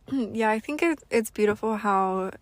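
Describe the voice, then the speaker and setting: Young woman, podcast co-host, casual chat, animated, gushing, dry close sound. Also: on the high side, a little slow, no room sound.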